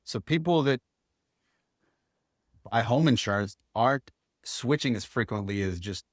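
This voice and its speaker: A man talking candidly as a guest in a podcast interview, relaxed, with frequent restarts. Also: medium pitch, a little slow, no echo, clean studio sound. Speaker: guest insurance agent.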